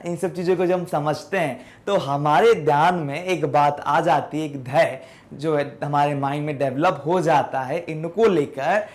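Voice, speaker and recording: Young male teacher, slow deliberate reading of English text, then explanation in Hindi, rhetorical question-and-answer. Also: a little high. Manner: asks and answers his own questions.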